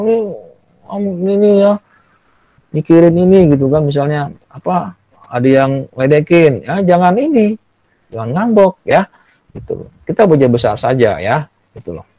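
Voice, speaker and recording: A man's voice: on the high side, no echo. Male Indonesian schoolteacher on a video call, dry sound, coaxing, keeps checking in with "ya". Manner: repeats "ya" and "gitu loh" often, coaxing; acts out children's tantrums in a raised voice. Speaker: teacher. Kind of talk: online class lesson.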